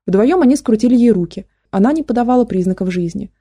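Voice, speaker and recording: Woman reading an audiobook, steady, really dark mellow voice. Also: a little high, fast talker, slightly rough, dry recording, studio quality. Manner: steady storytelling, voices characters. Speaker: audiobook narrator. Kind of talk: scripted audiobook narration.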